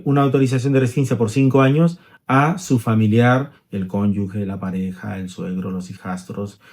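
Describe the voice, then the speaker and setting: A man's voice: mid-range voice, darkish tone. A middle-aged man, an immigration lawyer, explaining rules conversationally, walking through hypothetical examples and checking in with tag questions.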